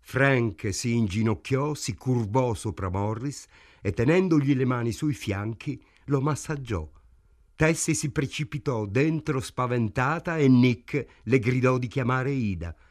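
A man reading a novel aloud in a measured, even way. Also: mid-range voice. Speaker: narrator. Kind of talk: audiobook narration.

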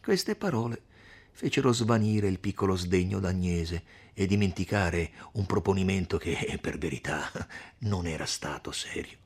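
A man narrates a classic novel with expressive storytelling and a lively, varied tone. His voice is gravelly and husky. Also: sits low, moderate pace. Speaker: reader.

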